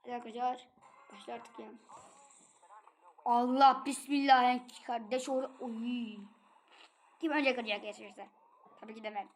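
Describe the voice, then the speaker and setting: High-voiced woman chatting through a game. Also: measured pace, pauses often, slight background noise. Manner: playful, chatty and excitable while gaming. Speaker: gaming channel host. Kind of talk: casual let's-play commentary.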